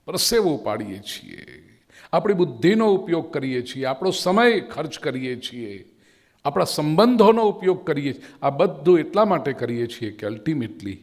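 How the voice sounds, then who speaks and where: A man preaching in a large hall, moving from narration to emphatic questions for the listeners. His voice sits at a middle pitch, and a long hall reverb trails each phrase. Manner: rising to emphatic, questioning appeals. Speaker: spiritual speaker. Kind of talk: sermon with storytelling. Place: large hall at a spiritual mission.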